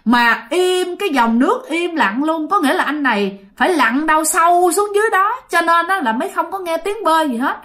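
High-voiced woman telling ghost stories. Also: lively intonation, fairly quick, few pauses, fairly bright tone. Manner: chatty, addresses listeners directly. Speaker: storyteller. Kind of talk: ghost story narration.

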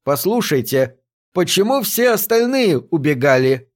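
A man's voice: a little high, big pitch swings, measured pace, voice pushed up. A man voicing a meek, bewildered work robot in an audiobook, speaking in a plaintive, aggrieved way. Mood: puzzled. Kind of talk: audiobook reading of a science fiction story.

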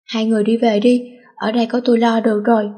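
A woman voicing a hot-tempered teenage girl who shouts and bosses others around in a storybook reading. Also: on the high side, little pitch movement, fast, slightly rough. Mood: blunt. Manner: shouting, bossy.

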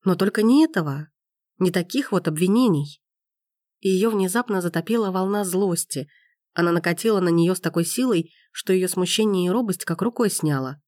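A woman narrating a romance novel in an even, expressive reading voice. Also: on the low side, normal speed, no room sound, clean studio sound. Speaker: audiobook narrator.

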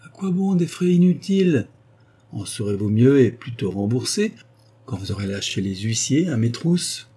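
A man voicing an old indebted baron who speaks calmly and suavely, with irony, in an audiobook. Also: mid-range voice, normal speed, slightly rough. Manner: calm, suave, ironic. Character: old smooth-talking indebted male baron.

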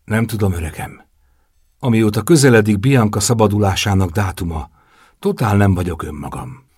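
A man's voice: lowish voice, darkish tone, husky, no room sound, studio quality. A man reading as a brooding, lovesick young man. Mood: irritable.

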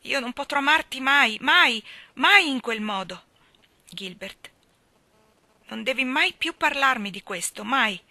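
A woman's voice: high voice, expressive, unhurried, dry recording, pitched above the performer's own voice, heavily acted. A woman voicing a passionate, emotional young woman in an audiobook, pleading and crying out. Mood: anguished. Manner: pleading, rising to loud emotional outbursts.

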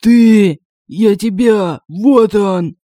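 A woman reading an audiobook, voicing a loud, insistent male guardsman. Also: medium pitch, extremely slow, no echo, voice pushed up. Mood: shouting. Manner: shouting, insistent.

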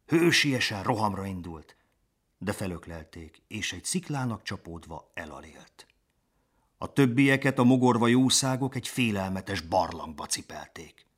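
A man narrating a children's storybook in an expressive, lively way. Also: fairly low pitch, husky. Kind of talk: storybook reading.

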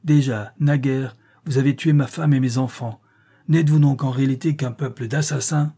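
A man plays a composed officer delivering terms with steady, firm gravity. His voice is mellow and slightly husky, measured and controlled, a storybook envoy who never shouts. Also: medium pitch. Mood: indignant. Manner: monotone and firm, without raising his voice.

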